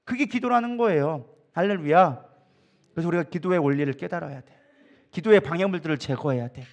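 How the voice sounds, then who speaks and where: A man preaching as a pastor, telling stories with a joking, animated manner and acting out what others said. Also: a little high, brisk. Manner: animated, joking storytelling with acted quotes. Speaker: co-lead pastor. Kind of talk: sermon at an evening prayer meeting. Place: church sanctuary.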